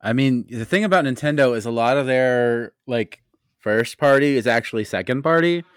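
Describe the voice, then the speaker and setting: Guy on a gaming podcast explaining stuff calmly, dry no-room sound. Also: medium pitch, normal speed, clear, resonant tone, no room sound. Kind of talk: casual gaming podcast chat.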